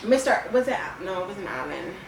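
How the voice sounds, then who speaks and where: Heard through a distant microphone in an echoey room with faint noise, a young woman with a medium-pitched, gravelly, sing-song voice talks a little fast. She's co-hosting a couple's video, giggling as she chats casually and tells stories.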